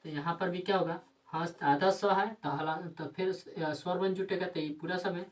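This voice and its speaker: Low-pitched woman teacher, recorded distant from the mic, answering her own repeated questions. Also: steady tone, moderate pace. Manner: repeats rhetorical questions and answers them herself; frequent tag questions. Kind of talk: grammar lesson.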